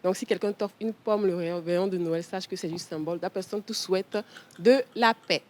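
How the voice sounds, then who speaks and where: A woman with a Togolese French accent calmly explaining a topic as a columnist on a TV talk show. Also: lowish voice, normal speed. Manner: calm, explanatory, steady. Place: TV studio.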